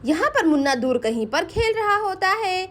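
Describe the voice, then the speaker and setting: Brief: woman narrator for a doll play story, very high voice, cheerful. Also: big pitch swings, moderate pace, fairly bright tone.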